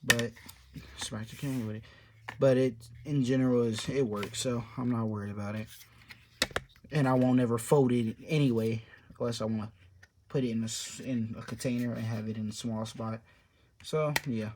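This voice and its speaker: A man's voice: medium pitch, fairly even intonation, normal speed, background noise. A young man in a casual show-and-tell vlog, rambling offhandedly about his papercraft build and trailing off mid-sentence. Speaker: papercraft hobby vlogger.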